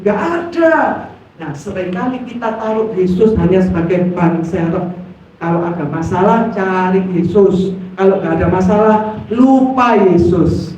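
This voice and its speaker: A woman from Pasuruan with an East Javanese accent, preaching a lively sermon in church and acting out quoted complaints. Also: on the low side, a little slow, a little hiss or hum. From Pasuruan, East Java. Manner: lively, acts out quoted complaints, asks the congregation questions. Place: church hall. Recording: echoey hall from far off, dull sound.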